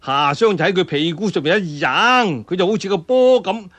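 Sound effects and interjections pepper this martial-arts yarn, told dramatically and colloquially in the traditional storytelling manner. The teller has a Cantonese accent and an expressive, fairly bright voice that sits high, delivered at a moderate pace.

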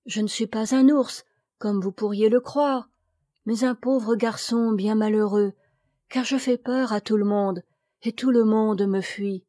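A woman voicing a gentle, sad boy who looks like a bear, speaking softly and sorrowfully. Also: fairly high pitch, steady tone, a little slow, dry recording, studio quality. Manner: soft and sorrowful.

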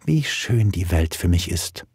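A man voicing a shy, tender eighteen-year-old girl at her first ball, speaking softly and pleadingly, sometimes in a whisper. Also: extremely low pitch, expressive, unhurried, slightly rough, no echo, studio quality, voice pushed up, full character voice.

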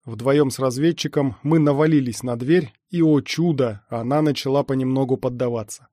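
Dark-voiced male audiobook narrator. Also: mid-range voice, moderate pace, dry recording, studio quality. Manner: steady first-person storytelling. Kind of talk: scripted narration.

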